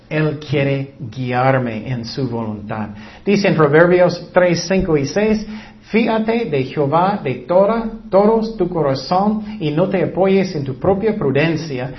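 Male preacher, slightly high voice, relaxed conversational sermon, muffled lo-fi recording. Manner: conversational preaching with fillers, quotes scripture, acts out prayers. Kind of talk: informal sermon.

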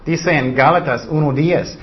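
An earnest man teaching a Bible study, lifting his voice to stress points. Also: unhurried. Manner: earnest, rises in pitch when stressing points. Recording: slightly dull recording with faint noise.

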